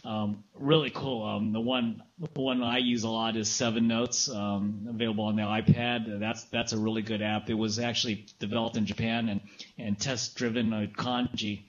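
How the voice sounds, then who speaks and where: A man co-hosting a casual tech news chat, easygoing with quick interjections. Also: lowish voice, little pitch movement, lo-fi sound.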